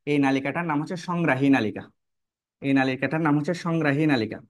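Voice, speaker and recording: A man with a fairly high voice teaches a biology lesson at a quick pace while drawing, repeating key terms and often questioning his students. He checks in with "কেমন?" and asks rhetorical questions. The studio recording is clean with no room sound.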